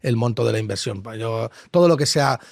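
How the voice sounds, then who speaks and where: Gravelly man, opinionated. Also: medium pitch, brisk, darkish tone, dry recording, studio quality. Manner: opinionated, explains with rhetorical questions. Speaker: investor guest. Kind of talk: casual interview talk.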